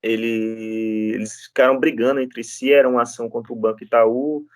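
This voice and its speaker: A man's voice: mid-range voice, little pitch movement, normal speed, no room sound, studio quality. A male law lecturer with a Brazilian Portuguese accent, teaching in an informal, storytelling way and often checking in with his listeners. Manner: chatty, storytelling, frequent tag questions.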